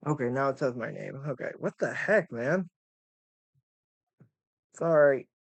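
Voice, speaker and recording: A man's voice: mid-range voice, lively intonation, unhurried, creaky, dry recording. A man chatting casually as a livestream host, rambling and apologetic, with slurred, lisping speech from missing teeth. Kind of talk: casual live stream chat and reactions.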